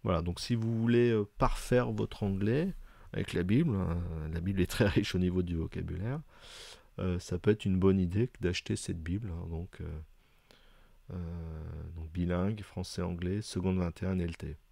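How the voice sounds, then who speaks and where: Man, hesitant casual reviewer, dark mellow voice, deep and low. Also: normal speed, vocal fry, no room sound. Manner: hesitant, many fillers, chatty asides. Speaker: video presenter reviewing books.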